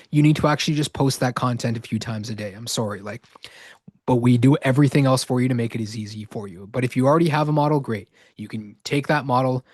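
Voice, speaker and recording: Brief: male webinar host, mid-range voice, dry close sound, a bit hoarse, keeps asking "right?". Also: medium pitch, no echo. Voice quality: verbal tic, repeating "right?". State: slightly hoarse. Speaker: online course host. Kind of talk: live webinar sales pitch.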